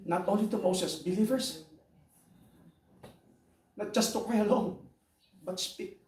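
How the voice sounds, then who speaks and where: High-voiced, emphatic preacher in an echoey hall. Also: male voice, takes it slowly. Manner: emphatic, keeps asking the congregation "right?", bursts into high shouts. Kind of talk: sermon. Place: church hall. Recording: echoey hall, voice far from the mic.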